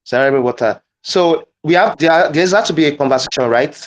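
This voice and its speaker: A man with a slightly raised pitch leads a live online lesson demonstration. He talks haltingly, often restarting and repeating phrases as he works out the wording. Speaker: guest presenter. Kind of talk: live online teaching demo.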